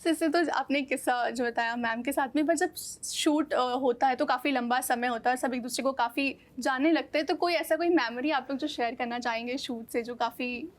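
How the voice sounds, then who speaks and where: A woman's voice: high-pitched, brisk, hardly any pauses. A woman asking interview questions politely, addressing her guests as sir. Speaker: entertainment interviewer.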